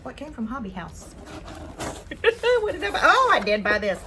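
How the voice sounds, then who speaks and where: A woman from Spain hosting a casual haul vlog, chatting excitedly as she unboxes her purchases. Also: fairly high pitch, normal speed, background noise. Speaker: vlog host.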